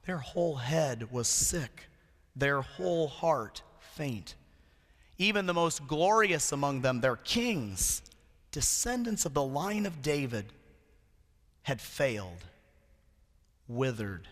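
A man preaching a solemn sermon with a hoarse, strained voice and deliberate, emphatic pauses. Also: mid-range voice, fairly bright tone. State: hoarse, voice nearly lost. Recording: long echoing hall reverb.

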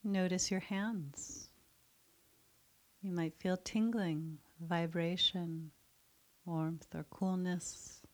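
A woman's gentle, calming voice, pitched a little low and fairly even in intonation, guides listeners through mindfulness meditation. Her pace is very slow, with long gaps between phrases.

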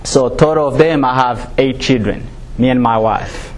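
A man from Rwanda gives a personal testimony as a student speaker. He talks haltingly, with many fillers and restarts, and sounds nervous. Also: medium pitch, slight background noise.

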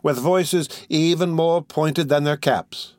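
A man's voice: a little high, slow pace, a little mellow, no echo, clean studio sound, voice pushed up. A man voicing a witty young student who mocks with wry remarks. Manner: mocking, wry.

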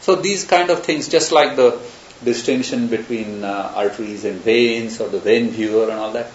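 A man's voice: medium pitch, normal speed. A man lecturing to a class, thinking aloud as he moves from one example to the next. The recording is roomy and echoey, a little muffled, with a faint hiss underneath. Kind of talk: university lecture. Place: lecture room.

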